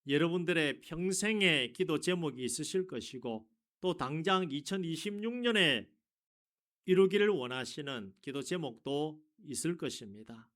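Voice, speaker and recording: Man, pastor's sermon, rhetorical questions, fairly high voice, loud emphatic bursts. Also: animated, moderate pace.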